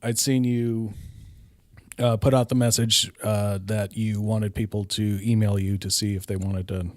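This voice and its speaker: A middle-aged man from Hawaii, a podcast guest telling his life story with many pauses and fillers. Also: lowish voice, flat delivery, no echo. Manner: hesitant, many ums and uhs, laughs often. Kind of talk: casual storytelling.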